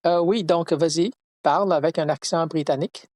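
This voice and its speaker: A man casually chatting with an AI assistant, speaking haltingly with many hesitations and restarts. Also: a little high, a little mellow, dry recording, clean studio sound. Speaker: host chatting with an AI. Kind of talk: casual chat.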